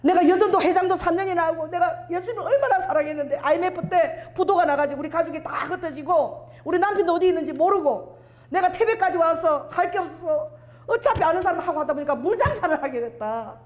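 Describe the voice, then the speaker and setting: A tearful middle-aged woman blurts out her confession in a rush, her voice riding high and cracking with sobs, as a woman preacher acts her out. She speaks, overwrought and pleading. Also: fast talker, lo-fi sound. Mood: tearful, excited. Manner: sobbing, excited outburst.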